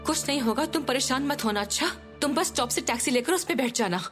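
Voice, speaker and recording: A bossy, scheming older sister with a high voice who presses and coaxes until she gets her way, as an actress plays her in a TV drama dub. Music plays clearly behind her. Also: fast, close to an everyday voice. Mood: instructing. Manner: persuasive, insistent, bossy. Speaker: elder sister. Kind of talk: dubbed TV drama.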